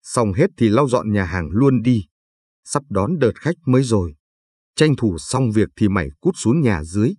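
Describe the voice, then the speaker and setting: A harsh, scornful woman who owns a restaurant and barks orders at her worker, read by a man in a husky voice. The sound is dry and close. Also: on the low side, lively intonation, moderate pace, a little mellow, no room sound. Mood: bossy.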